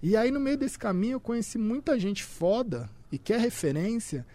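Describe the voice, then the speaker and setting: A man's voice: high-pitched, sing-song, moderate pace, mellow. A young man, chatting casually as a podcast guest in loose full of fillers. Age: young adult. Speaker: content creator, podcast guest. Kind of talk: casual chat.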